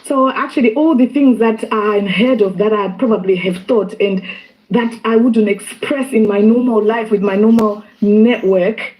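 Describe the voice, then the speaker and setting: Zimbabwean woman guest, mellow low-key voice, lots of ums and restarts. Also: normal speed, rough recording. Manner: thoughtful, hesitant with many fillers and restarts. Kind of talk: casual discussion.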